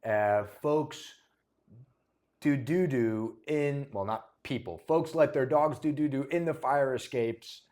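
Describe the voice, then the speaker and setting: Chatty joking talk show host. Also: male voice, mid-range voice, slow pace, darkish tone. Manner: chatty, joking, stumbles over words. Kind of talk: casual talk show chat.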